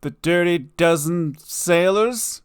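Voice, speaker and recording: A man casually commentating a game he plays, joking and trading in slow, deliberate punchlines. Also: high-pitched, smooth, no room sound, studio quality. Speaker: gaming video host. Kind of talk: casual let's-play commentary.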